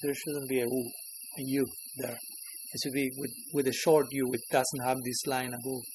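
A man's voice: medium pitch, flat delivery, normal speed, a little mellow, slight background noise, poor audio. A man teaching a scripture class, who chuckles often and keeps checking in with his listeners. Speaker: spiritual teacher.

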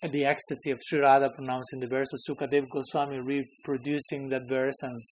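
A man's voice: mid-range voice, flat delivery, brisk, background noise. Chuckling man teaching a scripture class. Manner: chuckling, checks in with listeners. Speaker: spiritual teacher.

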